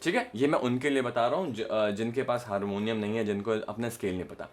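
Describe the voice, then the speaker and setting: Brisk and mid-range, a man with an Indian accent delivers a voice modulation lesson straight to camera, complete with demonstrations. Like a coach, he hammers home key points and often checks for understanding.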